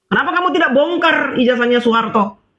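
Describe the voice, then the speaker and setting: A man's voice: very high voice, expressive, fast talker, a crowd in the background. A man ranting to camera as an online commentator, scolding with sarcastic rhetorical questions. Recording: dull lo-fi audio.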